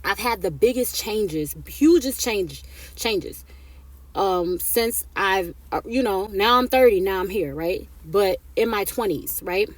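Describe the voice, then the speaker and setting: A woman's voice: mid-range voice, expressive, slow, no echo. A woman in her thirties giving casual life advice to camera, chatty and repetitive, often tagging her points with "right?" or "okay?". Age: 30s. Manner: chatty, repeats herself, tags lines with "right?" and "okay?".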